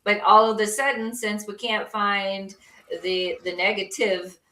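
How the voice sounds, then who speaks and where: A woman co-hosts a casual opinion talk show, making blunt, salty remarks in a sharp-toned, mid-range voice with little pitch movement and a slightly slow pace. The room is echoey and she sits far from the mic.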